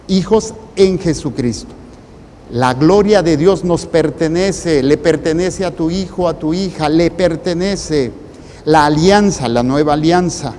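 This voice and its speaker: Male priest, Mexican accent, mellow tone, deliberate phrasing, long reverb and faint noise. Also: a little high. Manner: deliberate, in short broken phrases with pauses. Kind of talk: preaching a sermon.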